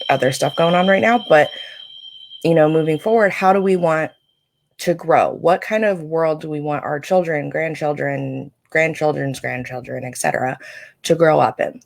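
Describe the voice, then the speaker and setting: Her voice is low and free of echo as she reads oracle cards for livestream viewers. She chats in a casual, reflective way, with a scratchy throat that keeps needing a clear.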